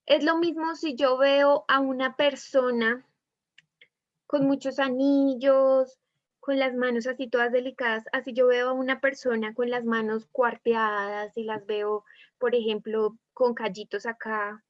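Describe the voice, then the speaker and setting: A woman's voice: sits high, flat delivery, measured pace, dry recording. A woman teacher with a Colombian accent giving an online class over a video call, asking her students many questions and acting out different tones of voice. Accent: Colombian Spanish. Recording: dull lo-fi video call audio.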